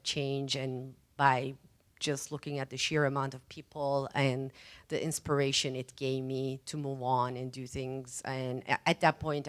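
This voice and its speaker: A woman's voice: deep voice, clear, resonant tone. A woman in her forties from Turkey, telling her career story on a panel in a chatty way, with many fillers and light laughs, into a handheld mic. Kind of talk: casual personal story at a panel. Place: meetup event room.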